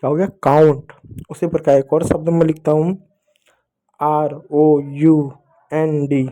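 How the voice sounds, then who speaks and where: Mellow-voiced man teaching reading. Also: fairly high pitch, flat delivery, unhurried, low-quality recording. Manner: patient, repeating questions and answers in a call-and-response way; spells out words letter by letter. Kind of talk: Hindi phonics lesson for children.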